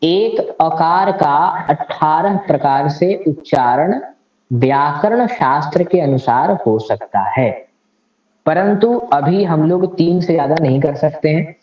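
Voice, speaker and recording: A man's voice: fairly high pitch, animated, slow. A man teaching Sanskrit grammar in a lecture, explaining it step by step and reciting grammar rules with care. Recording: echoey, slightly dull room recording.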